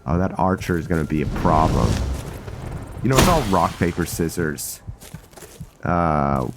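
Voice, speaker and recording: A man giving casual let's-play commentary on a role-play game, thinking aloud in rambling, broken-off phrases. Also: deep voice. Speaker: gameplay host.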